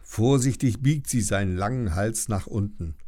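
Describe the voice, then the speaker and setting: A man narrating a children's audiobook with an expressive storytelling delivery. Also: lowish voice, moderate pace.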